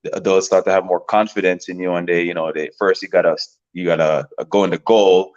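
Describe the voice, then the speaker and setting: Deep-voiced man in his thirties, lo-fi. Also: fairly quick. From Jamaica. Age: 30s. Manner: relaxed, rambling with many fillers and repeated words. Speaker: professional soccer player, guest. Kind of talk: casual interview talk.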